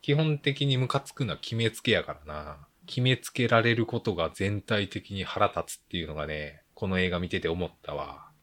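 A man's voice: low-pitched, animated, normal speed, few pauses, a bit bright. A man with a Kansai Japanese accent giving a casual solo film review, talking bluntly in rambling, grumbling colloquial asides.

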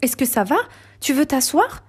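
Caring young female friend in an audiobook, soft and concerned, mellow and breathy, as a woman narrator puts her on. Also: a little high, expressive, brisk. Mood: worried.

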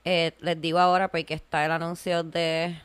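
A woman's voice: on the low side, little pitch movement, moderate pace, clean tone, dry recording. A woman hosting a podcast in casual chat, effusive and dropping English words into her talk. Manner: effusive, mixes English words, drops to a hushed voice. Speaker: podcast host.

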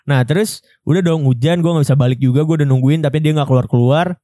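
A young adult podcast host with a Jakarta Indonesian accent tells a story in slangy, joshing chat, often repeating his phrases. His voice is a little high, warm and fast, recorded at studio quality with no room sound.

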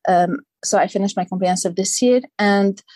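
A woman's voice: mid-range voice, fairly quick, warm tone, no echo. A young woman from Lebanon, a guest on an interview podcast, explaining her studies thoughtfully with many fillers. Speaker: guest, PhD candidate. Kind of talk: casual interview.

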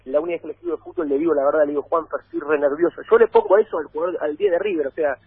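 A man's voice: on the high side, lively intonation, racing, slightly rough, no echo. A man with an Argentine accent telling long stories as a guest in a casual chat, rambling with many restarts. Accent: Argentine Spanish. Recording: dry phone-like sound.

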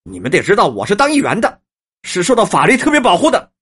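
A woman voicing a pompous young male legislator in a storybook reading, indignant and loud. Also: lowish voice, wildly swooping pitch, quick pace, husky, heavily acted. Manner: indignant, shouting threats.

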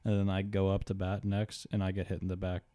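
A young man in casual chat with a flat, dry delivery. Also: sits low, quick pace, dry recording.

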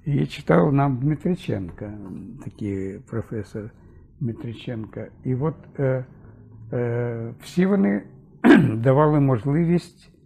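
An older man, a philosophy lecturer, talking through ideas in a relaxed discussion and checking in with short asides. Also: mid-range voice, takes it slowly, vocal fry, husky. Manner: thoughtful, fond of asides and 'да?' checks. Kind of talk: conversational discussion.

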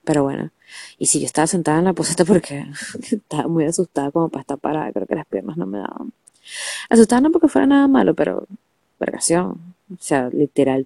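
A woman's voice: low-pitched, vocal fry, breathy edge, no room sound. Stuffed-up Venezuelan woman telling a story. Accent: Venezuelan Spanish. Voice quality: nasal, stuffed-up. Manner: profane, animated storytelling full of slang. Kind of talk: casual storytime monologue. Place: under a quilt at home.

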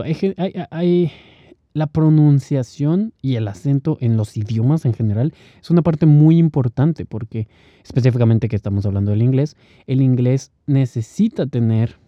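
A man's voice: mid-range voice, dry recording, muffled recording. A young man talking casually on his solo podcast, laughing often and slipping in English phrases. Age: young adult. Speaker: podcast host.

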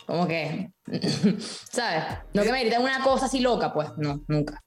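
A woman's voice: fairly low pitch, moderate pace, reverberant, soft background music. A young woman, a podcast guest chatting casually and laughing easily. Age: young adult. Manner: laughs easily, animated storytelling. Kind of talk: casual chat.

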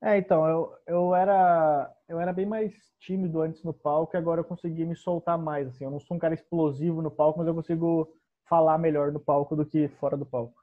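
Soft-spoken young southern man. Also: fairly high pitch, a little fast, narrow, tinny audio. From southern Brazil. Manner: relaxed, soft-spoken storyteller. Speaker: stand-up comedian guest. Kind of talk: casual podcast conversation.

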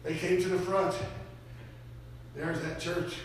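A man preaching a sermon, telling a story with growing excitement, laughing and breaking into shouts. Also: sits high, slow, a little hiss or hum. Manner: animated, builds to shouts, laughs often. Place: church sanctuary. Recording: echoey hall from far off.

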